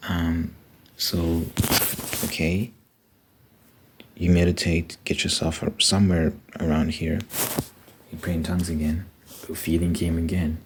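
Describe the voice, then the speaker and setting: A man giving a casual, reflective personal monologue, thinking aloud in short phrases as a vlogger. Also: low voice. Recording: noticeable background noise.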